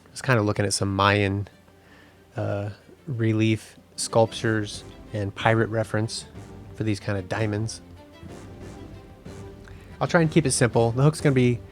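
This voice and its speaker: A man in his thirties walks through his 3D game art process in an easygoing voice-over. His voice sits low and has a gravelly edge. Faint music plays under the narration. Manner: relaxed, explanatory. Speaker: 3D game artist.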